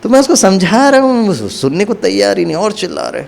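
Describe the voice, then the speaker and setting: A man gives a spiritual talk in a high, lively voice. He tells a personal story to a live audience and acts out each part of the dialogue. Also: brisk, vocal fry. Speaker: spiritual speaker.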